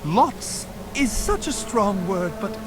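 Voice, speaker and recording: Pompous game showman, high voice swooping all over, grandiose flustered patter. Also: very animated, slow, noisy background, heavily acted. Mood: wheedling. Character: pompous, theatrical carnival showman with false exotic airs. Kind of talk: theatrical video game acting.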